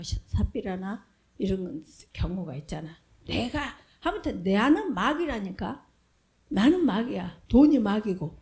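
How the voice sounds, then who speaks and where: A woman preaching an animated sermon to a Sunday school, asking questions and answering them herself, often dropping into whispers. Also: mid-range voice. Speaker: children's ministry preacher. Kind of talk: lively sermon with acted-out voices.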